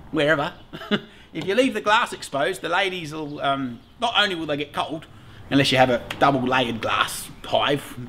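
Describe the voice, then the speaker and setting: A man's voice: high-pitched, vocal fry, bright, forceful tone, slight background noise. A middle-aged Australian man, a beekeeping vlogger, chatting casually and rambling as he swears and laughs beside his observation hive. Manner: chatty, cheerfully profane, rambles with frequent laughs. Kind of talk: casual rambling vlog talk.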